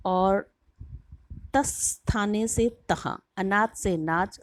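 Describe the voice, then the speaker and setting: A middle-aged woman delivers a university lecture, unhurried and careful. She explains step by step and lingers over her examples. The sound is dry and close, with no room echo. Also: fairly low pitch. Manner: slow, measured and explanatory, drawing out example words. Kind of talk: recorded lecture.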